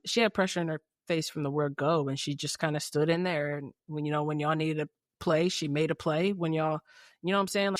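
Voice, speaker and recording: A woman's voice: sits low, no room sound, studio quality. Rambling woman podcast host. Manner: rambling, many restarts and "you know what I'm saying". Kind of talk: casual interview chat.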